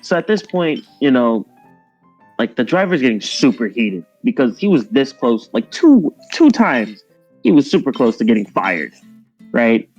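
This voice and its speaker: A man of middling pitch spins a long, rambling story about his workplace for his stream audience. He keeps slipping into animated impressions of his coworkers. The mic sounds a bit dull, and faint game music plays underneath. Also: unhurried. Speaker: streamer telling a work story. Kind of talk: casual storytelling chat while gaming.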